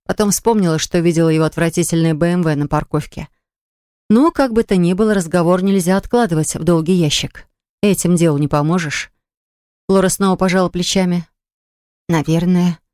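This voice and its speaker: A woman narrating an audiobook in an even, measured reading. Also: on the low side, no room sound, clean studio sound. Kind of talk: scripted narration.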